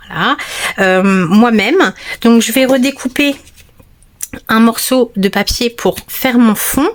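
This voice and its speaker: Chatty woman with a slightly high voice. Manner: chatty, hesitant, many fillers and restarts. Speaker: card-making tutorial host. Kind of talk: casual crafting tutorial. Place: craft table at home at night, under a lamp.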